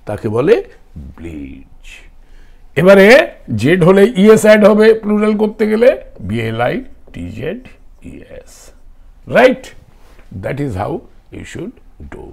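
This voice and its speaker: Bengali-accented male teacher, fairly high voice with a gravelly edge, mixes Bengali and English. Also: a little mellow. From India. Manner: switches between Bengali and English, checks in with questions to students. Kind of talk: classroom grammar lesson, spelling words letter by letter.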